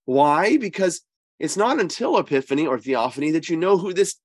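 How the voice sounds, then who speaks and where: A man who is a priest, slightly wheezy and congested with a cold, giving conversational religious teaching in an emphatic, halting way. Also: fairly high pitch, expressive, no echo, studio quality. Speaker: priest and co-host.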